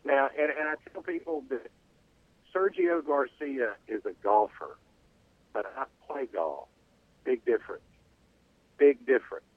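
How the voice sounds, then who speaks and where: A man's voice: mid-range voice, lively intonation, measured pace, long pauses, no room sound. A male caller telling a rambling story, with many restarts, over a buzzy, glitchy cell call that keeps cutting out. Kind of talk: casual phone-in storytelling. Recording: tinny dry phone line.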